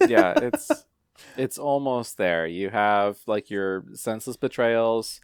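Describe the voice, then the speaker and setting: A man co-hosting a movie podcast, agreeable and quick to chime in. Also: lowish voice, clean tone, no room sound, clean studio sound. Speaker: podcast co-host. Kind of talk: casual chat.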